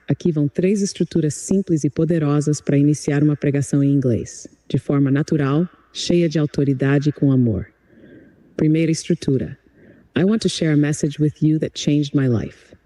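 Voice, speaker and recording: A man's voice: on the high side, warm tone, dry recording. A computer-generated male voice acting as an English tutor, speaking in an upbeat, encouraging, polished way. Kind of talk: chatbot voice giving an English lesson.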